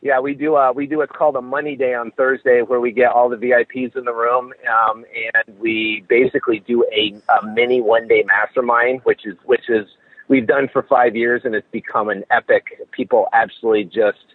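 A man speaking as a podcast guest over a low quality call from his car, eager and rambling with restarts. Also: level tone, fairly quick, no room sound. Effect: low quality call audio over a phone line. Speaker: podcast guest, event organizer. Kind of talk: promotional chat. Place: in a car while driving. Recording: tinny phone line from a car.

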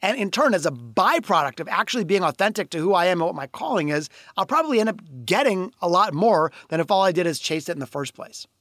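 A man's voice: high-pitched, sing-song, fast talker, hardly any pauses, a bit bright, dry recording, studio quality. A man being interviewed on a podcast, speaking earnestly and humbly with frequent restarts. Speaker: podcast guest. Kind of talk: reflective interview talk.

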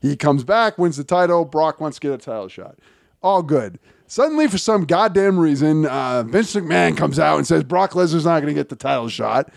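A man's voice: a little high, expressive, moderate pace, gravelly, no room sound, clean studio sound. A man co-hosting a casual wrestling podcast, giving blunt, opinionated takes with some swearing. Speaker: podcast co-host.

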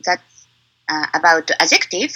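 A woman with a Japanese accent gives interview answers in hesitant learner's English, Japanese being her native language. Her pitch swings widely and she speaks slowly, with a raspy edge to her voice. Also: sing-song, sharp tone, dull audio. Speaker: interview guest, YouTuber.

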